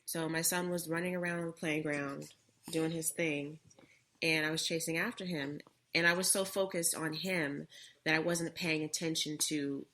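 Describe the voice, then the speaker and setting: A woman's voice: low voice, steady tone, moderate pace, a bit bright, slight background noise. A young adult woman co-hosting a casual talk show, earnestly telling a personal story.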